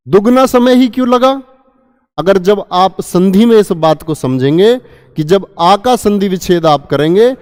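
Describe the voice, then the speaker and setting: Guy teaching hindi grammar, keeps asking the class stuff, high voice, lots of reverb. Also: darkish tone. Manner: drills students with repeated questions, stretches sounds to demonstrate. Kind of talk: online exam-prep lesson.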